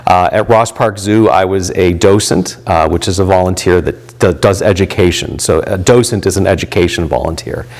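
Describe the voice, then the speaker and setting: A man in his late fifties with a deep, low voice talks through his volunteer ministry work. He speaks in a loose, rambling way, full of "um"s and restarted sentences. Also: normal speed, hardly any pauses, a little mellow. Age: 50s. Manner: rambling, many fillers and restarts. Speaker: volunteer chaplain and pastor. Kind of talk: reflective interview talk.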